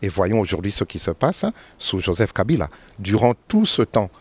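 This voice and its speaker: A man in his fifties from Congo, answering interview questions with many pauses and fillers, rising emphatically on key points. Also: lowish voice, very animated, husky. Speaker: interview guest, politician.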